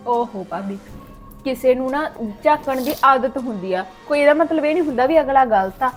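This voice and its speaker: A woman's voice: high voice, animated, normal speed, faint music behind. An actress with a Punjabi accent playing a trusting young village woman who talks in an earnest, coaxing way.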